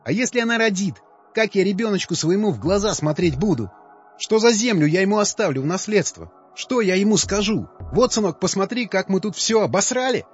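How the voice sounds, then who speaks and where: Man playing a raised, pleading young male survivor, husky voice, gritty postwar audiobook. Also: fairly high pitch, very animated, a little fast, faint music behind, pitched above the performer's own voice. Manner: blunt, rough-spoken. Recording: dull, slightly lo-fi dry recording.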